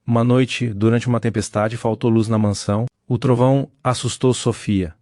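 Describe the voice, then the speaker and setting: Man, solemn scripted narration, mid-pitched voice, dry close sound. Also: fairly even intonation, moderate pace, darkish tone, no echo.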